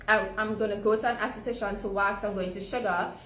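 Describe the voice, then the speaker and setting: A woman's voice: mid-range voice, steady tone, fast, fairly bright tone. A woman from Trinidad and Tobago with a Trinidadian accent, teaching a live online session on skincare for hair removal in a conversational way, often ending points with "right?". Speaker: sugaring educator. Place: home at evening, live stream. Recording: roomy echo, faint background noise.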